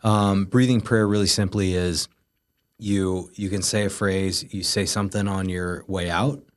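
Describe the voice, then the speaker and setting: A man's voice: low voice, fairly even intonation, a little slow. A middle-aged man teaching in a casual, conversational way, with informal, loosely phrased talk. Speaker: host of a prayer teaching series.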